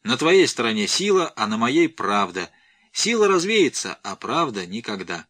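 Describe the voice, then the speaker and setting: A man's voice: lively intonation, moderate pace, bright, forceful tone, breathy edge. A man voicing a fearless gray-mustached old professor who speaks in a powerful, commanding voice. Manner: booming, commanding, scolding.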